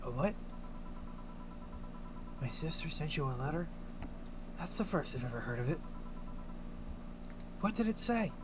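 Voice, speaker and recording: A woman's voice: low-pitched, big pitch swings, measured pace, pauses often, noisy background. A woman voicing a teasing, curious young woman in a video game, in a casual, playful way. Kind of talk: hobby video game voice-over.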